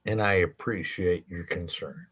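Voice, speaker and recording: A man's voice: low voice, a little slow, fairly bright tone, breathy edge. A man, a legal rights advocate, speaking directly to his viewers in a blunt, impassioned monologue, swearing freely and asking rhetorical questions.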